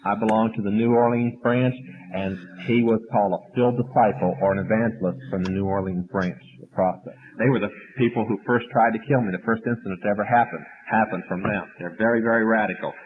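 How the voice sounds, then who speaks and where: A man lectures an audience in a flat, matter-of-fact way, his voice low-pitched. It comes through a thin, phone-like old archive recording. A faint hiss sits beneath it. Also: fast talker. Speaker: speaker at a question session.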